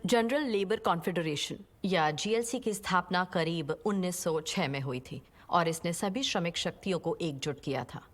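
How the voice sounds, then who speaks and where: A woman's voice: fairly low pitch, moderate pace, hardly any pauses, natural voice. A middle-aged woman dubbing a blunt, no-nonsense character in a film. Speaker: single woman taking in a child. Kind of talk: Hindi film dub. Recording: film score behind.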